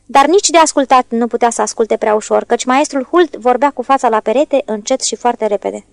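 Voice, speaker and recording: A woman narrates a classic novel for an audiobook, steady and measured. Her voice sits high, and the recording is close and dry. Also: creaky, no echo. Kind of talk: scripted narration.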